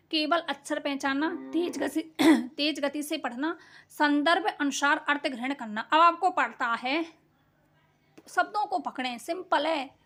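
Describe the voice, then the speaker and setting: A woman teaches an online exam-prep class in a high, light voice. She goes through quiz questions step by step, asks the class which option is right and then answers it herself. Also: a bit bright. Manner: explains step by step, poses and answers her own questions.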